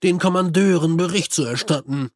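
A man's voice: fairly high pitch, moderate pace, no echo, clean studio sound, lightly acted. A man reading the lines of a harried army major in a storybook, speaking in short, exasperated questions.

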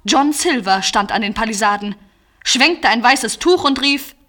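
A woman giving scripted first-person narration of an adventure story in a measured, vivid manner. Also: fairly high pitch, animated, bright, forceful tone.

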